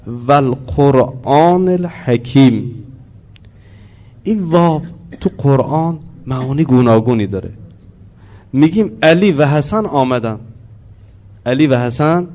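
A man's voice: a little high, expressive, a little mellow. Persian man teaching a Quran lesson. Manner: explains slowly, asks the listeners questions; chants the Arabic verses slowly. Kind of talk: religious lesson.

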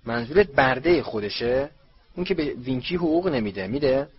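A man's voice: mid-range voice, husky, dull audio, lightly acted. A man voicing an earnest, indignant teenage girl witch who argues heatedly. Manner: heated, insistent.

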